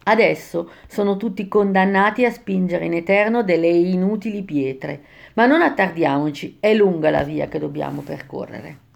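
A stern, solemn ghost of a poet leads the way through the dark, speaking with calm authority, voiced by a woman telling the tale. He sounds measured and sure of himself. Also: lowish voice, vocal fry. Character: wise stern male ghost poet guide.

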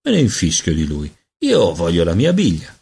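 A man's voice: low-pitched, wildly swooping pitch, moderate pace, creaky, a little mellow, slightly rough, full character voice. A man reading a storybook aloud and voicing an indignant, irritable young boy who complains and exclaims.

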